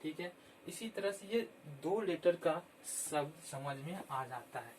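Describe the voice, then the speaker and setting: A man teaching children how to spell words, repeating each word slowly and clearly. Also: on the high side, animated, a little hiss or hum. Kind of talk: slow, patient Hindi spelling lesson.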